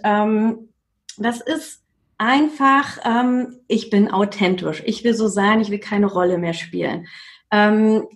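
A woman, a yoga teacher, speaking as a podcast guest in an earnest, reflective way with many hesitant fillers. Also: fairly high pitch. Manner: earnest and reflective, with frequent "ähm" fillers and repetitions. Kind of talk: casual conversational interview.

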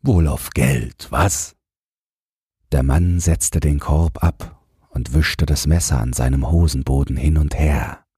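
A man reading a literary story aloud as audiobook narrator, measured and somber. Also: extremely low pitch, steady tone, mellow, slight background noise. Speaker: audiobook reader.

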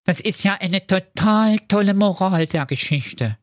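A man's voice: sits high, a little slow, no echo, studio quality, pitched above the performer's own voice. A man voicing a soppy, sentimental pig. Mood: moved.

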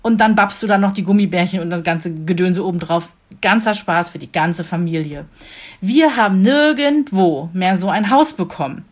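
A woman chatting casually in German, telling lively anecdotes and laughing often. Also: on the low side, normal speed. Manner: animated storyteller, laughs often. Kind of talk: casual chat.

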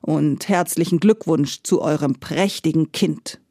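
A huge blustering giant man from a storybook tale, as a woman reads him, whining and stammering with fear. The voice is slow and drawn out, soft and breathy, read in a dry, close sound. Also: sits low, no echo. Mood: nervous. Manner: whiny, stammering. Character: huge strong male giant, blustering then fearful.

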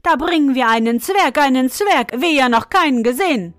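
Woman voicing shouting, excited servants, high, loud, storybook. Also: normal speed, no echo, clean studio sound, soft background music.

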